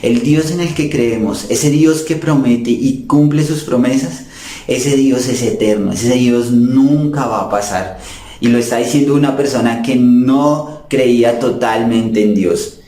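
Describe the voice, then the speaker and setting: A man's voice: mid-range voice, measured pace, mellow. A man preaching a sermon in an earnest way, addressing his listeners as brothers and sisters. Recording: roomy echo.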